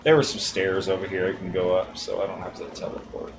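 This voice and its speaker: A man's voice: deep voice, flat delivery, brisk, gravelly, music in the background. A man streaming a video game live, muttering and swearing casually at it as he plays. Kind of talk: casual gameplay commentary. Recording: noisy livestream audio.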